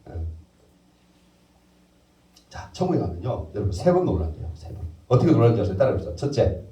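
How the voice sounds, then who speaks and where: A man's voice: fairly low pitch, brisk. A man giving a sermon to teenagers as a youth pastor. He keeps asking questions and answering them himself. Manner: lively, acts out prayers in character. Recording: roomy echo, voice heard from a distance.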